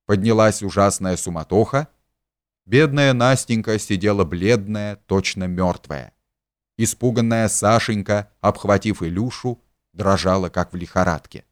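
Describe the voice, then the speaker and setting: A man narrating a classic novel in a measured, expressive reading. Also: fairly low pitch, no room sound, studio quality. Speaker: audiobook narrator. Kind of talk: scripted literary narration.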